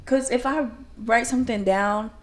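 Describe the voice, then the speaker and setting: With a slightly high voice at a moderate pace, a young adult woman co-hosting a podcast rambles through casual chat. She sounds self-conscious, laughs a lot and has a slight lisp.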